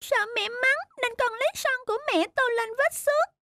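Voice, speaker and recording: A performer voicing a small, mischievous but timid boy in a children's cartoon, with a high pleading little-child voice. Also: moderate pace, bright, forceful tone, no echo, studio quality, exaggerated voice. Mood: scared.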